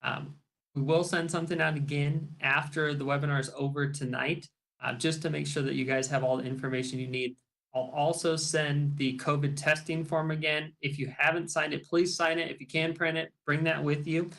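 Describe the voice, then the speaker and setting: A man on a video call reads off practical updates for arriving students in a friendly way. His voice sits a little high for a man and carries a gravelly fry. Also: flat delivery, normal speed, fairly bright tone, low-quality recording. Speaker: staff organizer giving updates. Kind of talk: informational webinar updates.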